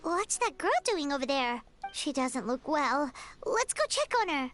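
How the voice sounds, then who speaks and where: Small curious fairy sidekick for a video game: extremely high, squeaky, childlike, very lively inflection. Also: female voice, a little slow, soft background music, exaggerated voice. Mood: puzzled, concerned. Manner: refers to self in third person, inquisitive.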